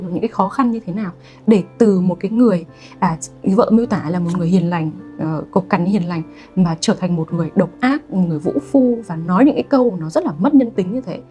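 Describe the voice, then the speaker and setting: A young adult woman giving an online literature lesson, lively and always asking her students rhetorical questions. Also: mid-range voice. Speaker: literature teacher.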